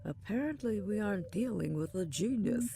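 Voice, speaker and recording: A woman's voice: mid-range voice, expressive, normal speed, creaky, dark tone. A woman playing a commanding, dryly witty starship captain in a science fiction audio drama. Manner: dry, authoritative. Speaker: voice actor.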